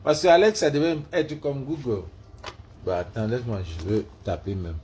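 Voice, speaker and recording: A man with an African French accent, vlogging casually as he mocks a voice assistant in loud, profane bursts. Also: mid-range voice, big pitch swings, moderate pace, a little hiss or hum. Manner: loud, profane and mocking, switching between English and French. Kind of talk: casual vlog, heckling a voice assistant.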